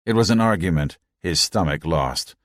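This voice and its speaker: Deep-voiced man narrating an audiobook. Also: lively intonation, moderate pace, a bit bright, no echo, clean studio sound. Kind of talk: scripted narration.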